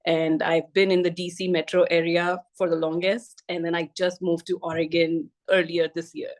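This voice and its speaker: Low, flat-voiced woman with Indian accent. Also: normal speed. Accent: Indian English. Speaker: physical therapist guest. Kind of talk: podcast interview.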